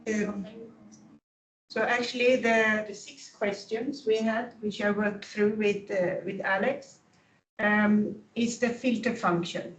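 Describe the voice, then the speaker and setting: A woman presenting a tool at a conference, answering questions in a halting, thoughtful way. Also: mid-range voice, steady tone. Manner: halting, thoughtful explanation with fillers. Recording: echoey room, distant mic.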